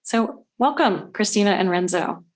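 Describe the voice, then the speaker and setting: A woman hosting a podcast, upbeat in a scripted intro and relaxed when chatting with guests. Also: mid-range voice, normal speed. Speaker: podcast host.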